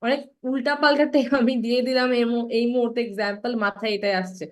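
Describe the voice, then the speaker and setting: Young woman, grammar teacher, patient online lecture, voice sits a little high. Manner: explains patiently, slows to spell out example words.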